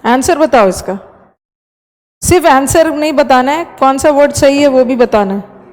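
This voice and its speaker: A woman teaching an English grammar class online, explaining in Hindi and reading example sentences slowly and carefully. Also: high voice, a little mellow, in a large hall.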